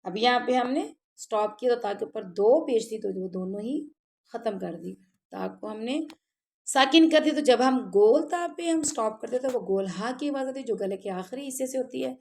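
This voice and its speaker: Her voice is a little high, gravelly and darkish, with an animated delivery, as this woman teaches tajweed. She explains pronunciation patiently, one step at a time, frequently asking "ٹھیک ہے؟", then slowly chants the words between the plain explanation of her lesson as a Quran recitation teacher.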